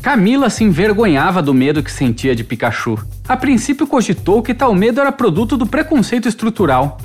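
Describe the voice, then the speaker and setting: An audiobook narrator reading a literary novel in a measured, expressive way. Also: medium pitch, husky, faint music behind.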